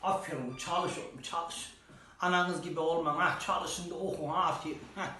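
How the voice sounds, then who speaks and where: A performer playing a grumbling old village mother-in-law in a comic sketch, low and drawling. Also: fairly even intonation, moderate pace, bright, forceful tone, far from the mic, a little hiss or hum, close to an everyday voice. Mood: doting. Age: older. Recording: roomy echo.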